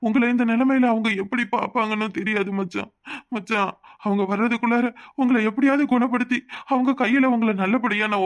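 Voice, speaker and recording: A man's voice: high-pitched, fairly bright tone. A man voicing a remorseful cartoon man who pleads and reproaches himself. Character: remorseful man pleading with his brother-in-law. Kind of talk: cartoon voice acting.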